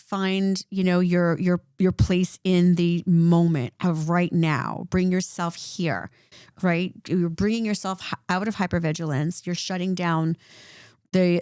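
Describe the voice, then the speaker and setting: A woman's voice: fairly low pitch, dry recording. Woman, clinician co-host, explanatory chat, dry close sound. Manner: animated, repeats points with "right?". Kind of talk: conversational explanation.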